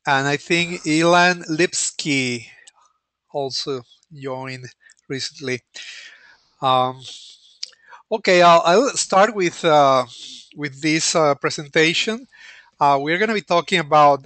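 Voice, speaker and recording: A man teaching an online lecture as the instructor, speaking hesitantly with many pauses and restarts into a computer microphone. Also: fairly high pitch, bright, forceful tone, dry recording.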